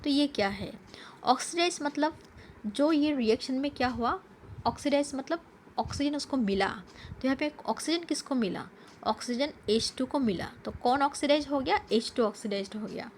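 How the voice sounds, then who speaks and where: A woman's voice: high-pitched, expressive, darkish tone, a little hiss or hum. Woman teaching, quizzing herself. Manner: switches between Hindi and English, reading English definitions slowly; asks herself questions and answers them. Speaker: science teacher. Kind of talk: slide-based lesson explanation.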